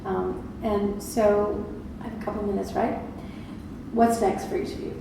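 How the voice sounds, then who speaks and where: A woman, a gallerist moderating a live panel, briskly prompting her guests and keeping time. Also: medium pitch, fairly even intonation, creaky. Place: large art fair hall. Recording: very echoey hall from far off, background noise.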